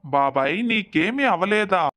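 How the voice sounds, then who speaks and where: A woman's voice: medium pitch, moderate pace, lightly acted. A woman voicing a concerned village man asking his aunt questions.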